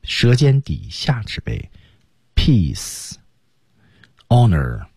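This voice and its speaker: A man teaching English on a radio program, explaining pronunciation step by step and drilling words slowly. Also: low-pitched, dark tone, slightly rough, dry recording, studio quality. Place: radio studio.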